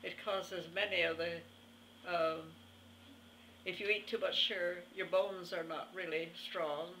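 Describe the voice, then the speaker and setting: Centenarian woman interviewee: very old voice, unhurried and halting, bright edge, slight background noise. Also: fairly low pitch, fairly even intonation, poor audio. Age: over 100. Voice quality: very old, aged voice. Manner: halting, pauses mid-phrase, plainspoken. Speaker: interview guest. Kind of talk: reminiscing in conversation.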